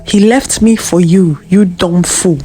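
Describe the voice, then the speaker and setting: A woman's voice: on the low side, a little slow, faint music behind, lightly acted. A woman voicing a jealous, furious rival girl. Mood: angry. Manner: shouting, scornful.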